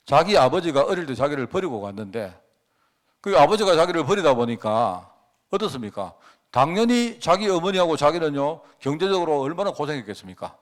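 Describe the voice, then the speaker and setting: A middle-aged male pastor delivers a sermon with a slightly raised pitch and a very lively, swinging delivery. He keeps throwing rhetorical questions at the congregation and surges up and drops away as he tells a personal story.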